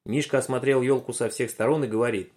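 A man narrating a children's story aloud in an expressive, animated way. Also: medium pitch, fast.

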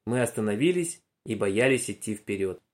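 Man reading a kids story out loud, really expressive, voice jumps all over. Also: lowish voice, moderate pace. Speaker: narrator. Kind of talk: storytelling narration.

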